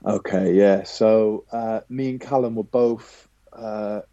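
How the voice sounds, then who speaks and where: A man, a professional footballer, telling a lively anecdote as a podcast guest, casually swearing now and then. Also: on the low side, takes it slowly, no room sound, lo-fi sound.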